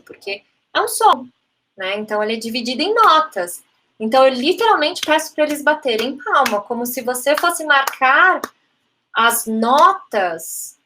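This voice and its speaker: Brazilian woman teacher, bright higher voice, chatty live talk answering chat questions, peppers speech with tag questions and English terms. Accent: Brazilian Portuguese. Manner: chatty, frequent "né?" tags, mixes in English terms. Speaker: English and Spanish teacher, phonetics lecturer.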